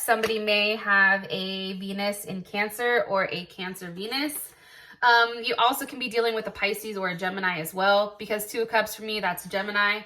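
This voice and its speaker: Bright-voiced, blunt woman reading tarot. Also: medium pitch, a little hiss or hum. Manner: chatty and blunt, with casual swearing; thinking aloud, full of "like" and "I feel like". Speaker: tarot reader.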